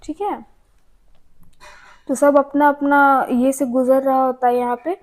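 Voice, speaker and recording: A woman's voice: high voice, fairly even intonation, measured pace. A young woman teaching a casual exam-prep lesson, chatty, who keeps asking and then answering her own questions.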